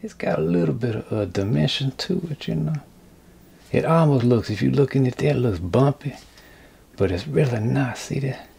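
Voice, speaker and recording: A man's voice: mid-range voice, lively intonation, moderate pace, vocal fry, warm tone, slightly rough. A man hosting a casual workshop vlog, rambling in a folksy, joking way to his viewers. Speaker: craft channel host. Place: indoor workshop.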